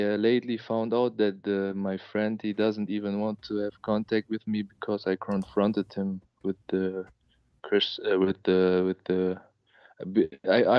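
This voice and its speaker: A man in his late twenties from Germany, calling into a live show and telling a personal story in a halting way. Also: fairly low pitch, clear, resonant tone, no room sound, highs cut off. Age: late 20s. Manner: halting, with many fillers and restarts. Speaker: caller.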